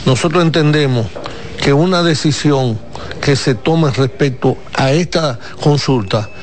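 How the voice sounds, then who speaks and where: A man speaking for a party, explaining its position deliberately to reporters. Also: medium pitch, slight background noise. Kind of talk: press statement.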